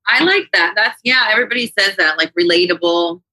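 A woman's voice: mid-range voice, brisk, bright, forceful tone, no echo, rough recording. A woman in her forties, a podcast guest chatting candidly and laughing often. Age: 40s. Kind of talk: casual interview chat.

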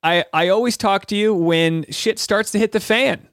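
Male podcast host, casual and chatty, higher-set voice, close dry sound. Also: moderate pace, fairly bright tone, smooth, no room sound. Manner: chatty, informal. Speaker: podcast host and stand-up comic. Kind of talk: casual entertainment commentary.

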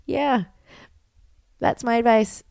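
A woman's voice: a little high, fairly even intonation, slow pace, gravelly, darkish tone, smooth, no room sound, studio quality. A young adult woman hosting a podcast, chatting casually and bluntly in a slangy, conversational way. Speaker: podcast host. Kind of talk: casual solo podcast chat with ad reads.

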